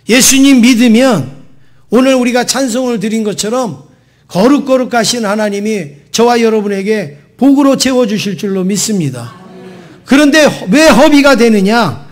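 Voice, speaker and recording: A male pastor preaching a Sunday sermon in a conversational way, often asking the congregation questions. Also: high voice. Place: church sanctuary.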